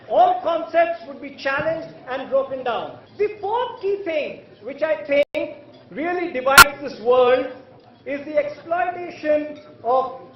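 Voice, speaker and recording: A man delivers a podium speech in a very high voice, heard from off in a strongly echoing hall. He is earnest and rhetorical, breaking his points into short, emphatic phrases. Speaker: conference keynote speaker. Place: large event hall. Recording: echoey hall, distant mic, muffled.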